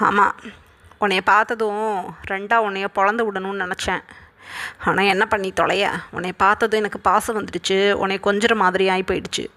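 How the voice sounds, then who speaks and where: A woman's voice: mid-range voice, flat delivery, brisk, pushed and bright. A woman voicing an indignant, hot-tempered young woman in a storytelling voice-over, complaining and exasperated.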